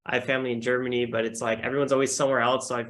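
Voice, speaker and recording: A man's voice: medium pitch, rapid-fire. A young man from the United States, co-hosting a podcast in rambling, casual chat with lots of fillers. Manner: rambling, filler-heavy, animated. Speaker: podcast co-host.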